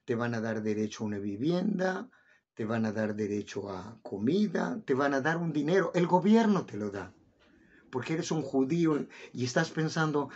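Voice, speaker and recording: A man's voice: medium pitch, a little mellow, breathy edge. A middle-aged man talking casually to viewers, asking them questions directly. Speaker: vlogger explaining life in the country. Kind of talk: casual explanatory talk to viewers. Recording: dull lo-fi recording.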